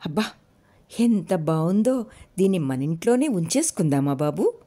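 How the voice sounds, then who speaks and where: A woman's voice: lowish voice, very animated, moderate pace, mellow. A woman voicing a young servant girl who talks in a matter-of-fact, grown-up way in a storybook reading. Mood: knowing.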